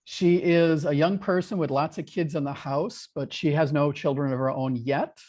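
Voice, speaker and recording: A man's voice: fairly high pitch, moderate pace. American man hosting a video-call chat. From United States. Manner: relaxed, friendly, asks questions patiently. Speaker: host of an online English conversation class.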